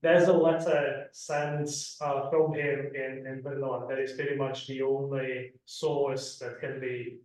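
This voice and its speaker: A man's voice: mid-range voice, little pitch movement, slow pace, few pauses, a little mellow. A man from the Republic, answering audience questions on a conference panel and often repeating words as he starts. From Czech Republic. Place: conference room. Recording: echoey room, far from the mic.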